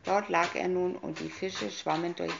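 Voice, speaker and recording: Woman storyteller, gravelly low voice, calm fairy tale reading, dull lo-fi audio. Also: moderate pace, noisy background. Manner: calm storybook narration with picture cues. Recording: dull lo-fi recording.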